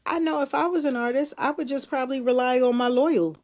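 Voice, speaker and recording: A woman co-hosting a casual podcast chat, thinking out loud with restarts and emphatic asides. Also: sits high, brisk. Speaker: podcast co-host.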